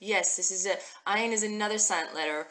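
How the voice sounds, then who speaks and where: A woman's voice: medium pitch, a little fast, a bit bright. A woman teaching a live-streamed Hebrew reading class, upbeat and encouraging, greeting viewers by name as she walks through letters and words. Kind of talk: live-streamed language lesson. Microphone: phone live stream.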